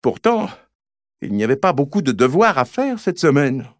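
A man narrates a children's audiobook in an expressive storytelling style. His mid-range voice moves at a normal speed, recorded at studio quality with no room sound.

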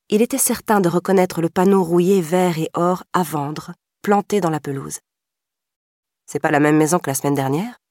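A woman reading a crime novel aloud in a measured, scripted narration. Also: fairly low pitch, darkish tone, no room sound, studio quality. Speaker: audiobook narrator.

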